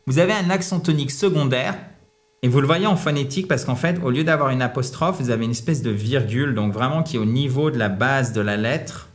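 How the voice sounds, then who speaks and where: Male English teacher, lively and teasing, mid-range voice. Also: mid-range voice. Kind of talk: explaining pronunciation in French.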